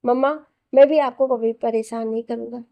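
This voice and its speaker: A woman's voice: fairly high pitch, steady tone, moderate pace, creaky, dry recording, lo-fi sound. A woman voicing a mischievous three-year-old boy who talks in an innocent, childish way. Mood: pleading innocent.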